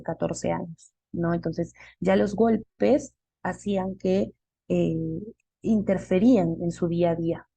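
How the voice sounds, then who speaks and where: A woman's voice: lowish voice, vocal fry, dark tone, dry recording. A woman giving a live online class, explaining step by step and posing questions she then answers herself. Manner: explanatory, asks and answers her own questions.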